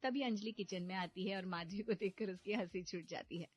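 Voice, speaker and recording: A woman narrating a cartoon story in a calm, even storybook manner. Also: medium pitch, brisk. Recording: slightly dull audio with background music.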